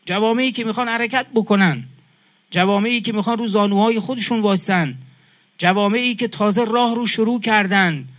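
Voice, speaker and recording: A man's voice: high voice, fairly bright tone. A man from Iran giving a religious sermon to a gathering, building his points through emphatic repetition and calling his listeners brother and sister. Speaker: preacher.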